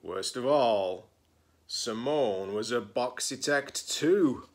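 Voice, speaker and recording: Slow and mid-range, this man's voice belongs to a forties-aged teacher-librarian performing a children's picture book. He reads expressively, stresses the important words, and drops in offhand remarks.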